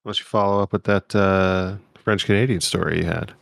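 Deep voiced guy, laid back and teasing, swears a lot, dry close podcast mic. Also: steady tone, fairly quick, creaky, a bit bright, dry recording. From New Jersey. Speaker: podcast co-host. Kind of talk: casual chat.

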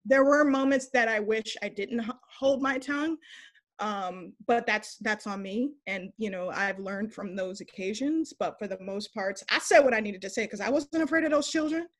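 A young woman, an interview guest, telling a candid story in a blunt, animated way, swearing freely and acting out what people said. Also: on the high side, normal speed. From United States. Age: young adult.

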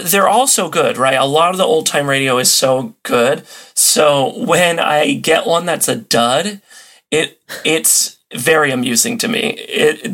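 A man appears as a podcast guest and old-time radio enthusiast, chatting casually in an interview and telling things with amusement. His voice is a little high with a sharp tone.

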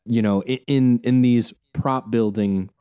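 A man co-hosting a casual podcast, animated and quick to laugh, with many fillers and restarts. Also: mid-range voice, clean tone, dry recording, clean studio sound. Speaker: podcast co-host.

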